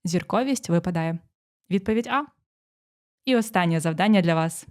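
A woman teacher explaining exam phonetics, pronouncing sample words slowly and walking through each rule step by step. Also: lowish voice, animated, a little mellow. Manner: dictating sounds slowly, explaining rules step by step. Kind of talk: exam prep lesson.

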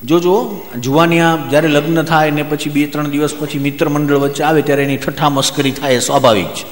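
Man, Gujarati accent, stand-up comedy storytelling, high voice, roomy hall with long reverb. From Gujarat, India. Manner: lively joke telling, voices friends in quotes.

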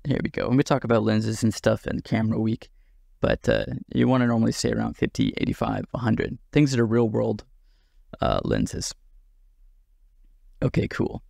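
Gravelly man talking through a tutorial. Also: fairly low pitch, animated, moderate pace, a little mellow, no room sound, clean studio sound. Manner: chatty, self-deprecating, thinks aloud. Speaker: software tutorial instructor. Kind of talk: casual screen-recorded tutorial.

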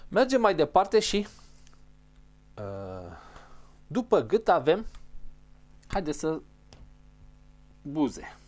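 A man's voice: a little high, sing-song, long pauses, darkish tone. A man teaching a pronunciation lesson, patiently repeating each sound and carefully explaining how it is formed. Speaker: language teacher.

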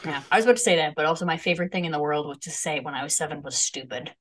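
A woman player in a tabletop game, chatting quickly and joking casually. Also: low voice.

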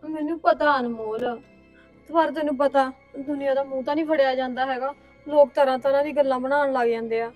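A woman's voice: high-pitched, steady tone, fairly quick, a little mellow, soft background music, lightly acted. A young woman in a short film playing a worried, earnest college student. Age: young adult.

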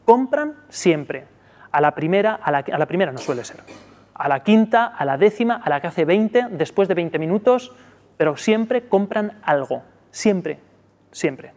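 A man with a Spanish accent giving a live workshop talk on child tantrums, checking in often with a quick "¿vale?". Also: expressive, darkish tone, big-room sound. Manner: peppers sentences with "¿vale?"; acts out soothing talk to a child in a high voice. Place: conference room.

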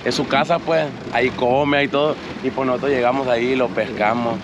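A man in his thirties from Mexico with a Sinaloa accent, a local fisherman explaining his craft in a folksy, excitable way while working on a small boat at sea. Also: medium pitch, brisk, dull audio. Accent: Sinaloa Mexican Spanish. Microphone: action camera on the boat. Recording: loud wind and boat noise.

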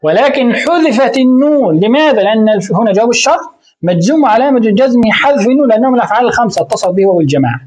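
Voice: mid-range voice, animated, very fast, darkish tone. A grammar teacher explaining a lesson, tossing out rhetorical questions and answering them, repeating key terms again and again.

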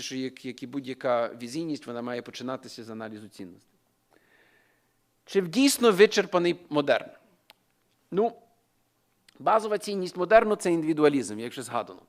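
A man's voice: on the high side, lively intonation, a little fast. A man from Ukraine, an economic sociologist giving an expert talk in a lecture style, thinking aloud with frequent fillers and restarts.

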